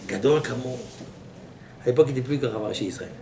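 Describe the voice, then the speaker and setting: A man giving a lively sermon as a rabbi, telling anecdotes with sudden exclamatory outbursts. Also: fast, gravelly. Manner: animated, exclamatory storytelling with sudden high outbursts. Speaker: rabbi giving a Torah class. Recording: echoey room, voice from far off, noisy.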